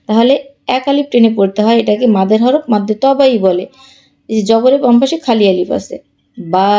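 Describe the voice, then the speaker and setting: A woman with a Bangladeshi Bengali accent teaches a beginner reading lesson. She spells out each letter and vowel mark and drills the sounds patiently. Her voice is fairly high but mellow and warm. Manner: patient, repetitive, explains rules then reads examples slowly.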